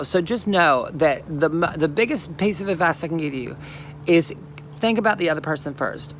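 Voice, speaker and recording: A man with a somewhat high, gravelly voice records a personal video message from inside a trailer. He rambles warmly and effusively, piling on encouragement and advice. A faint hiss sits under his voice. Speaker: sender of a video greeting.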